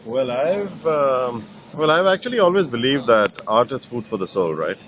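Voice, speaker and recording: A middle-aged painter from Nepal, answering interview questions in a thoughtful way, with many fillers and restarts. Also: male voice, mid-range voice, big pitch swings, normal speed, lo-fi sound. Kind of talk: conversational interview.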